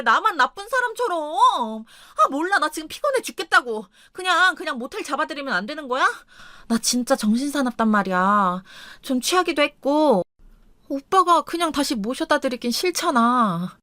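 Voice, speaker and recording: A woman voicing a selfish, tipsy young wife who talks in a high, whiny, petulant way. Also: very animated, normal speed, a bit bright, no echo, studio quality. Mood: whiny irritation.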